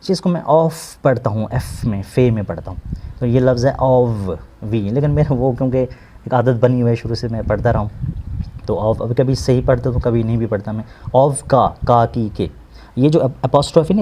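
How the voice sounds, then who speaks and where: A male English teacher with a Pakistani accent walks students through a lesson in Urdu. He speaks slowly and hesitantly, often stopping to search for a word. His voice is mellow and warm. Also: mid-range voice. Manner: slow, explanatory, with many hesitations.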